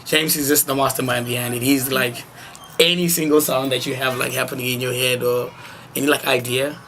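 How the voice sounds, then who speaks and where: A man's voice: mid-range voice, flat delivery, fairly quick, fairly bright tone. A young man from Zimbabwe, a local hip-hop artist, talking casually and rambling in a radio interview. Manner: laid-back, rambling, heavy with "like" and slang. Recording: faint background noise.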